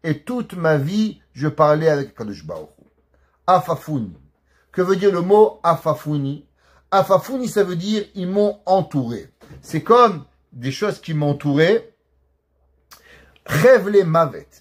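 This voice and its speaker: High-voiced rabbi telling a story. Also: male voice, unhurried, breathy edge. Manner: lively storyteller, acting out dialogue. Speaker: rabbi teaching a class. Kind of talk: recorded religious lesson with storytelling.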